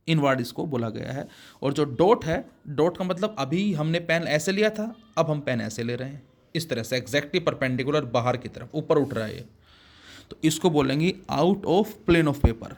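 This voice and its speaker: Slow and patient, a man with a slightly high voice teaches physics to a class he addresses as children, working words into his speech as he goes.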